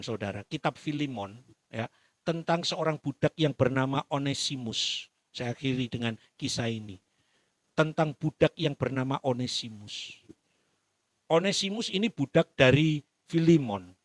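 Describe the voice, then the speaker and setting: A man's voice: mid-range voice, no echo. A man with an East Javanese accent preaching a sermon in church, telling the story with animation and calling out to the congregation. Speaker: pastor.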